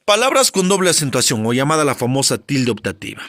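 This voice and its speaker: A man's voice: mid-range voice, very animated, quick pace, fairly bright tone, dry recording, clean studio sound. A male teacher giving a spelling lesson, constantly quizzing with rhetorical questions and short checks for understanding. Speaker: grammar teacher.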